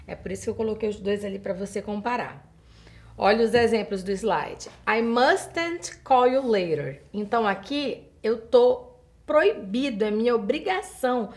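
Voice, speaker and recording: A female English teacher from Brazil gives a recorded video lesson over slides, slowing right down for each example sentence and checking in with the student. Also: a little high, a little mellow. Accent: Brazilian Portuguese. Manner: addresses the student directly with checking questions.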